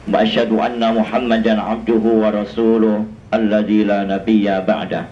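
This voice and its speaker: Older man, Javanese accent, formal outdoor funeral sermon through a handheld mic and loudspeaker; echoey, lo-fi. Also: on the low side, slight background noise. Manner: formal, measured, rising to emphatic. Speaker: preacher giving a funeral sermon. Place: outdoors at a street funeral gathering. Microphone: handheld mic over loudspeaker. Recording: echoey PA sound outdoors, dull lo-fi.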